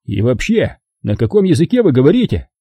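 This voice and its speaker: A man voicing a sarcastic American robber from Boston who explains things slowly and patiently. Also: medium pitch, very animated, dark tone, husky, no echo, voice pushed up. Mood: wry.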